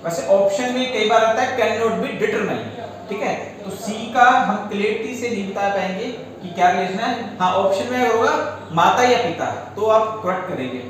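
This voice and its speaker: A man's voice: sits high, moderate pace, a little hiss or hum. A male teacher with Indian-accented English terms, explaining an exam-prep lesson step by step and checking in with his students. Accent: Indian English words mixed into Hindi. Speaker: reasoning teacher. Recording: very echoey room, mic at a distance.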